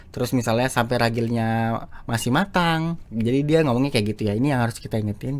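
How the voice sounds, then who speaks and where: A man's voice: mid-range voice, darkish tone. Chatty man teaching with lots of fillers. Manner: chatty, repeats himself, many fillers and restarts. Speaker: YouTube teacher of public speaking. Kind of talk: casual screen-share lesson.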